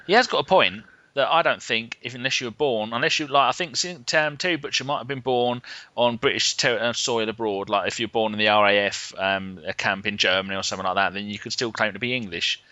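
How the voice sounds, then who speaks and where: A man's voice: mid-range voice, brisk, pushed and bright, no room sound. A man co-hosting a casual football podcast, reeling off player facts in a matter-of-fact way. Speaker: podcast co-host. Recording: dull lo-fi sound, dry.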